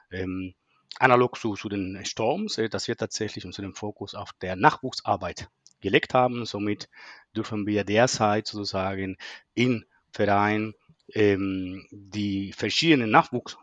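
A man's voice: fairly low pitch, no echo. A man talking as a podcast guest and club president, hesitant with many fillers. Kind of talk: casual interview talk.

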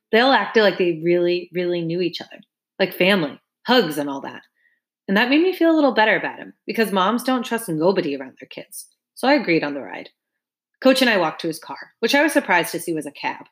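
A woman's voice: lowish voice, fairly bright tone. A woman reading a first-person audiobook narration in a casual, wry, conversational way.

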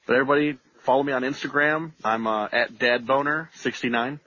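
A man's voice: mid-range voice, a little fast, bright, forceful tone. A man co-hosting a podcast in casual, enthusiastic, slangy chat. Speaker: podcast co-host. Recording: slightly dull, lo-fi sound.

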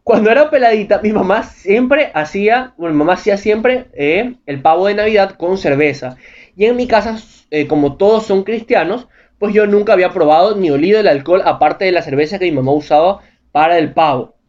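High-voiced man riffing crudely. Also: a little fast, muffled recording. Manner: crude, excitable slang-heavy riffing. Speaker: host reading viewer anecdotes. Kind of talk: comedic commentary vlog.

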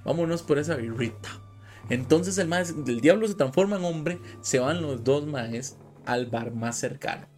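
A man's voice: medium pitch, measured pace, hardly any pauses, darkish tone, soft background music. A young man with a Costa Rican accent, a podcast host retelling a legend in casual, slangy speech and loosely acting out the characters. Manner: slangy, laughs often, acts out characters loosely. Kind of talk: casual storytelling.

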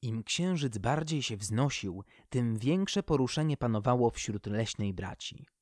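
Slow, calm male storyteller. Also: medium pitch, no room sound, clean studio sound. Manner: calm, measured reading. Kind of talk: scripted fairy-tale narration.

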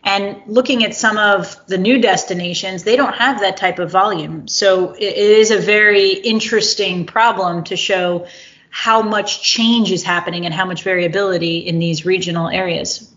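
A woman's voice: mid-range voice, steady tone, normal speed, a bit bright, dull audio. A woman hosting a casual interview, curious and thinking aloud as she asks questions. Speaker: podcast host.

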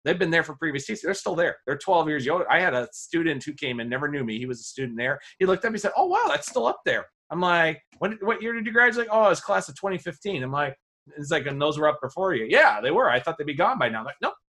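A man talking quickly and casually on a podcast about his teaching. He rambles through classroom anecdotes, restarting sentences and acting out what students said. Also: animated, sharp tone. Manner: rambling storyteller, acts out quoted students with a high voice. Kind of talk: casual conversation.

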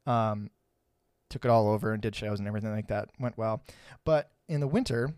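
A man's voice: on the low side, brisk, darkish tone, clear, resonant tone, dry recording, clean studio sound. A man co-hosting a casual podcast, laid-back and laughing often, swearing casually as he tells a story. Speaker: podcast co-host.

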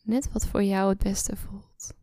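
A woman guiding a relaxation meditation, speaking slowly and softly, often in a whisper, close to the mic. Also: mid-range voice, flat delivery, no echo. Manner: slow soft-spoken, often whispering. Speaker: meditation guide.

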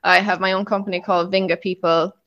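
Slightly muffled, lo-fi audio carries a young woman's fairly low voice. She has a south-west Irish accent from Kerry and talks in a casual, conversational interview style as the guest. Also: little pitch movement, fast talker, a bit bright. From Kerry, Ireland. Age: late 20s. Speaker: podcast guest.

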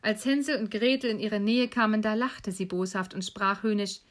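A woman calmly and evenly reading a fairy tale aloud as a storyteller. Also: mid-range voice, normal speed.

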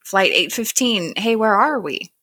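A woman's voice: medium pitch, animated, measured pace, bright, forceful tone, pitched above the performer's own voice. A woman retelling a TV scene, quoting a desperate father in nearly her own voice. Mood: urgent. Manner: quoted casually, lightly emphatic.

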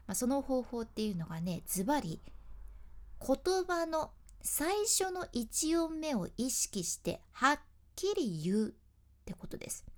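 In a high, very animated voice and at a slightly slow pace, an announcer teaches speaking skills. She walks through the lesson step by step in a chatty, casual way, performing example phrases along the way.

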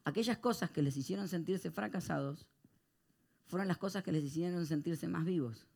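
A male pastor, preaching a sermon to a live congregation and swinging between hushed reflection and loud, animated storytelling. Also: fairly high pitch, normal speed, creaky.

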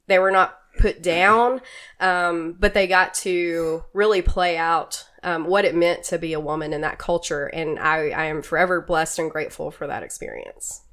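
A woman guest on a podcast, talking earnestly and warmly about a mission trip, with small restarts. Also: on the low side, normal speed. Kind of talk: casual podcast chat.

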